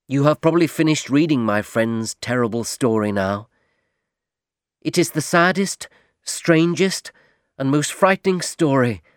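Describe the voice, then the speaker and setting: A man narrating an audiobook in a careful, measured reading voice. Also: mid-range voice, no echo, clean studio sound.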